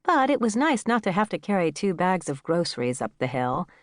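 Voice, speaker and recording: A woman reading a first-person story aloud as an audiobook narrator, giving the dialogue a lively, playful turn. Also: lowish voice, brisk, no echo, studio quality.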